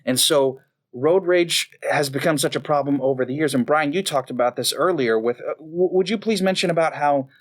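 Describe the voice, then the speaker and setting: A man's voice: a little high, normal speed. A man co-hosting a podcast in casual chat, talking in a friendly way and explaining ideas at length. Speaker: podcast co-host.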